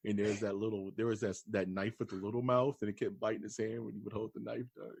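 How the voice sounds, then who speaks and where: A man co-hosting a podcast in casual, rambling chat, with a deep, bassy voice. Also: little pitch movement, fast, vocal fry, a little mellow, breathy edge, dry recording. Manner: laid-back, rambling, calls his friend dude and dog. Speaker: podcast co-host.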